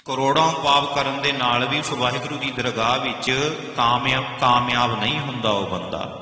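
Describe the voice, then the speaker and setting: A man teaching a scripture line by line, chanting each verse slowly and then explaining it in plain speech, stopping to correct how words are pronounced. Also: medium pitch, steady tone, pushed and bright. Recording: echoey, reverberant room.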